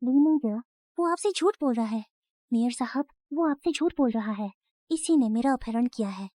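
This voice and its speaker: A woman's voice: a little high, lively intonation, moderate pace, dark tone, dry recording, studio quality, lightly acted. A young woman voicing a kidnapped college student who pleads urgently and defies her captors. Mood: pleading. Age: young adult. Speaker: dubbing actor. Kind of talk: Hindi drama dub.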